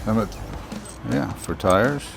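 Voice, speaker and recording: A man's voice: on the low side, slow, vocal fry. A man chatting casually outdoors in a dry, matter-of-fact way. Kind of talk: casual chat. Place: outdoors at RV campground. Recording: background music.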